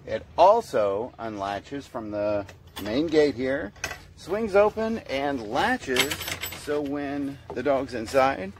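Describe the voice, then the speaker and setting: A man narrates his do-it-yourself project in a relaxed, halting way, with frequent fillers and small stumbles. He is recorded outdoors on a deck, with a faint hum of passing traffic behind him. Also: mid-range voice. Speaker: DIY video host. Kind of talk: casual how-to narration. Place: outdoors on a house deck by a street.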